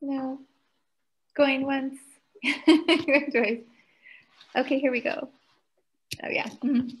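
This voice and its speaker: A woman's voice: sits high, fairly even intonation, drawn-out words, lo-fi sound. A woman moderating an online information session over a video call, inviting questions in an upbeat, encouraging way.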